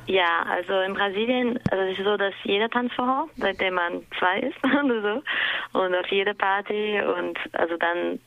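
Brazilian woman in her 20s, bit of vocal fry, laughs a lot, halting german. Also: medium pitch, dull audio. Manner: laughs often, halting non-native German. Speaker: dance teacher, guest. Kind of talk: live interview over a call.

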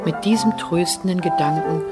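A woman narrating an audiobook in a measured, expressive way. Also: fairly low pitch, loud music behind the voice. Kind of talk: audiobook reading.

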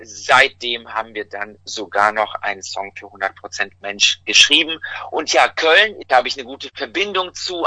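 A man from Russia, a singer and music teacher, answering interview questions in a measured, earnest way. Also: mid-range voice, sharp tone, dry recording, low-quality recording.

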